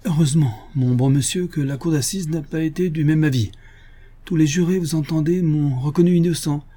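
Guy doing a scared stammering servant who keeps denying everything, a bit higher than his normal voice. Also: normal speed, warm tone, slightly rough, natural voice. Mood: defiant. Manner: stammering, protesting. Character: frightened lying male servant, a cornered murder suspect.

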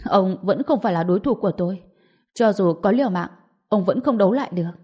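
A cold, taunting male villain from a martial-arts storybook, read by a woman. His lines come quicker than the narration, pressed and cutting, over a mellow, dark tone. He sounds sure he cannot lose. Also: mid-range voice, animated, husky.

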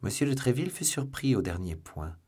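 A man reading a classic novel aloud as an audiobook narrator, in measured, expressive narration. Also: mid-range voice, breathy edge. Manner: measured and expressive, voicing the characters. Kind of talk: scripted literary narration.

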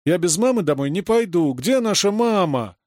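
A man's voice: high voice, animated, moderate pace, a little mellow, no echo, clean studio sound, pitched above the performer's own voice. A man reading aloud and voicing a whiny, tearful little girl who sobs and pleads. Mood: whimpering. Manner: whiny, sobbing pleas.

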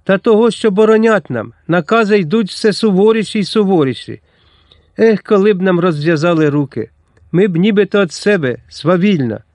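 Гарячий козацький полковник, якого грає читець, говорить пристрасно й рвучко, голос піднятий і напружений. Запис сухий, без кімнатного відлуння. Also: male voice, high-pitched, lively intonation, normal speed, a little mellow, no echo, clean studio sound, pitched above the performer's own voice. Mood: impassioned. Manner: impassioned, vehement. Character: hot-tempered Cossack colonel, fiery and grieving.

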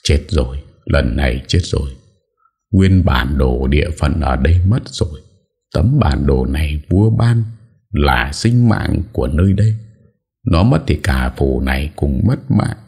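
Man voicing an old lord, remorseful, weary, pleading, very deep voice, storybook. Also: expressive, unhurried, creaky, darkish tone, slightly rough, exaggerated voice. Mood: despairing. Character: aging lord, broken, weepy and remorseful.

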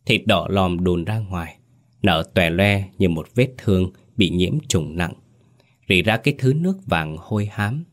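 A man with a low voice tells a horror story, drawing out grim details with dramatic weight. His delivery is vivid and steady. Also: unhurried.

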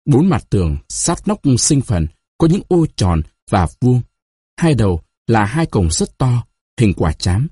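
Husky male storyteller for a novel audiobook; animated, dramatic delivery. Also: medium pitch, dry recording, clean studio sound. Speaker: narrator.

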